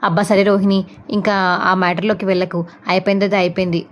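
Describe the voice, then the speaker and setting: A greedy, evasive young husband in a spoken story retelling, as a woman narrator does him. He whines and argues defensively at a fast clip. The pitch stays in the storyteller's middle range. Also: flat delivery, natural voice. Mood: whiny.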